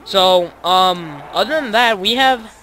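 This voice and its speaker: A man's voice: sits high, lively intonation, slow pace, bright, forceful tone, poor audio. A young man hosting a casual gaming podcast over a voice call, rambling with lots of fillers. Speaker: podcast host.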